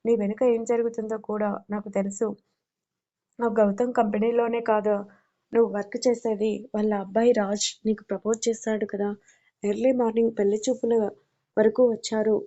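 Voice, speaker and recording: A woman's voice: on the high side, flat delivery, moderate pace, dark tone, dull audio, natural voice. A woman voicing a possessive, domineering young man in love who talks in a commanding, threatening way, in an audio story.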